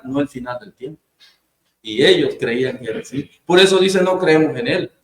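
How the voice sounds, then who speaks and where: A man preaching informally, telling stories and acting out short quoted exchanges. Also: a little high. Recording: roomy echo with faint ambience.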